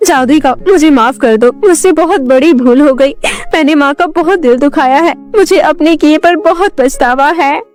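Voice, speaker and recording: A woman voicing a spoiled, arrogant young woman in a cartoon story, shrill and quick-tongued. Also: expressive, darkish tone, faint music behind. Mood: pleading. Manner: shrill and haughty.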